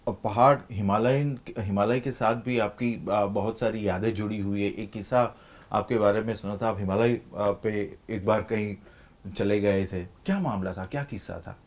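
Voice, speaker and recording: A male interviewer asking questions hesitantly, with many pauses and fillers. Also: on the low side.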